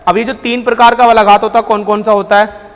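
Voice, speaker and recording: Male teacher with a high voice lecturing a class and quizzing students as he goes, in a room with a long echo. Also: level tone, quick pace. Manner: asks students questions and answers them himself; addresses students as beta and bhaiya. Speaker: Hindi grammar teacher.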